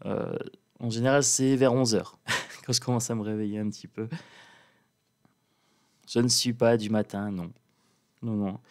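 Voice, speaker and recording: Calm, chatty man with a sleepy morning voice. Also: on the low side. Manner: calm, unhurried, chatty and playful. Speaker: cartomancer presenting an oracle deck. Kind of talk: casual chat to viewers.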